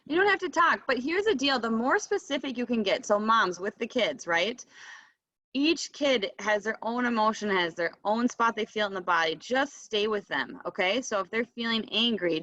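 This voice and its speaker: A woman leading a kids' tapping session over a video call, gentle and encouraging, often checking in with "right?" and "okay?". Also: mid-range voice, no room sound, highs cut off.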